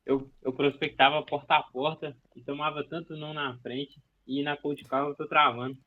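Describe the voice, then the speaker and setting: A man practicing a cold call, hesitant and stumbling over his pitch. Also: level tone, normal speed. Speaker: mentee practicing a sales call. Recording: tinny phone-like sound.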